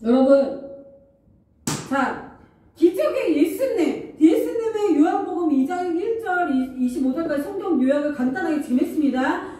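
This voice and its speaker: Woman pastor, high, mellow voice, animated sermon; heavy church echo, distant mic. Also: normal speed, a little hiss or hum. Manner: animated preaching, acting out Jesus's angry words. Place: church sanctuary. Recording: echoey church hall, voice from far off the mic.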